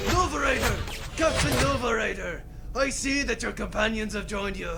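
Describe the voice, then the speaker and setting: A man's voice: sits high, lively intonation, normal speed, gravelly, very noisy. A man playing a blustering, theatrical barracuda villain in a comic audio drama, gloating with melodramatic menace. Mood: menacing.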